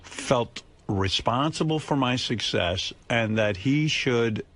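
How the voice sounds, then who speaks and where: A man hosting a radio talk show, talking in a conversational way with halting restarts. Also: mid-range voice, lively intonation, fairly bright tone. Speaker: radio host.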